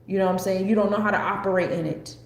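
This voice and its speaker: A woman's voice: mid-range voice, steady tone, very fast. Rambling American woman lecturing casually, echoey room. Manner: rambling, conversational, digressive teaching. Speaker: astrology forecast presenter. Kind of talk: casual livestream lecture, unscripted. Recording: echoey room with faint background noise.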